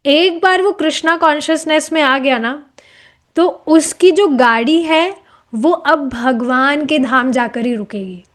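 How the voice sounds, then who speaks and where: Woman, high voice, slow unhurried delivery, devotional book class, mixes in English phrases. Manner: mixes English phrases into Hindi, asks listeners rhetorical questions; anecdotal, conversational explaining.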